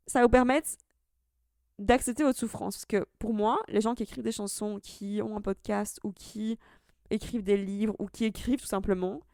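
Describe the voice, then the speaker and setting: A woman's voice: medium pitch, creaky, a little mellow, no echo, studio quality. A woman in her twenties, from Italy, hosting a solo podcast and musing in a chatty, reflective way with casual slang. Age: 20s. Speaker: podcast host.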